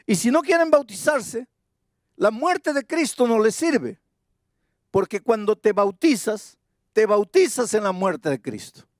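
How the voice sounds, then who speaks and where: A man's voice: sits high, lively intonation, measured pace, no echo, clean studio sound. A male pastor preaching an evangelistic sermon in an emphatic way, repeating his key phrases.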